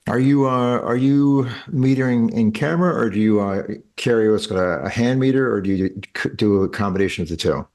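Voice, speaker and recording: A man's voice: mid-range voice, brisk, hardly any pauses, a little mellow. A middle-aged man hosting an interview about street photography, nerdy and rambling, often breaking off mid-sentence. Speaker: podcast host, street photography mentor. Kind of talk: casual interview chat.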